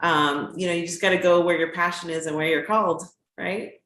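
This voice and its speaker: A woman with a somewhat low voice hosts an interview, warm and affirming, with many "um" fillers. She is a children's book author and teacher. Her voice rings in an echoey room. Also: steady tone, fairly quick. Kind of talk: friendly interview hosting.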